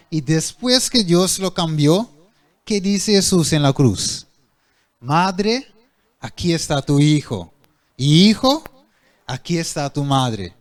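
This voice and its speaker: A male preacher giving a sermon who keeps asking the congregation questions and then answering them himself. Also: high-pitched.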